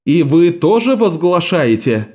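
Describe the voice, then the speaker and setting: A man voicing a haughty, contemptuous woman judge in a red robe, with a much higher, proclaiming voice. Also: big pitch swings, a little slow, mellow.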